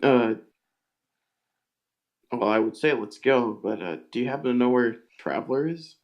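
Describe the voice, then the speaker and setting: A man voicing a dry, gravelly young superhero. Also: medium pitch, moderate pace, muffled recording, lightly acted. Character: wry young male superhero, dry and impatient.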